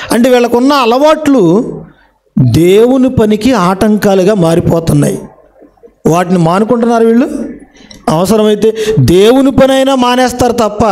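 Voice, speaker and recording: A man's voice: high voice, darkish tone. A middle-aged man from India preaching in church, questioning the congregation with rhetorical questions. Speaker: pastor. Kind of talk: Telugu sermon.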